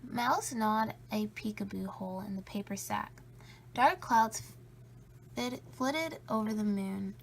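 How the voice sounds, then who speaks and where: A woman reading a children's story aloud in a playful, spooky way, with drawn-out emphasis and a creaky edge. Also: mid-range voice, slight background noise. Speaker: storybook reader.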